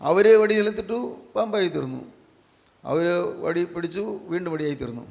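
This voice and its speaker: A man's voice: fairly high pitch, expressive, normal speed, gravelly, darkish tone. A man preaching a sermon, repeating his phrases and asking the listeners question after question. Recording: echoey hall with long reverb.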